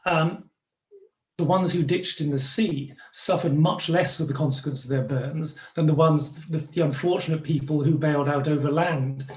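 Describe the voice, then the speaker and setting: A man explains things as an interview guest, in halting, conversational phrases. His voice is a little high for a man. The sound is clearly roomy and somewhat dull. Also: fairly even intonation, darkish tone. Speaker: company founder being interviewed. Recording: roomy, dull lo-fi call audio.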